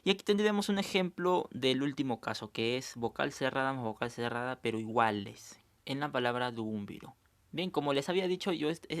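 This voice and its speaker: A man walks through a recorded review lesson at his own pace. He explains patiently, point by point, and keeps checking that his students are following. His voice sits at an ordinary middle pitch for a man. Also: fairly bright tone. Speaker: teacher.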